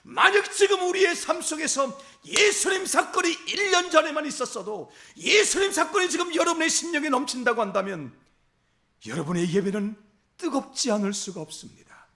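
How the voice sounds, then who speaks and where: A male pastor with a strikingly high voice delivers a fervent Sunday sermon. His pitch swings widely as he builds emphasis through repeated phrases. He calls out directly to the congregation. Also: animated, moderate pace, sharp tone. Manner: impassioned, repetitive exhortation with rising emphasis; addresses the congregation directly as "everyone".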